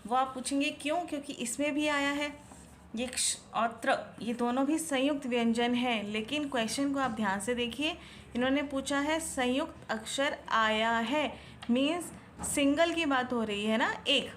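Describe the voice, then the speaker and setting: A woman's voice: sits high, a little hiss or hum. A woman tutor teaching children a Hindi worksheet, drawing out syllables as she sounds out words, asking questions and mixing English words into her Hindi. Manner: slow, drawn-out syllables when sounding out words, questions to the viewer.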